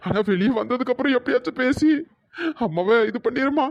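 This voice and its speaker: A voice actor playing a desperate young husband in a cartoon drama, pleading and wailing in a pitch-raised voice. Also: a little fast, gravelly, dry recording, dull audio.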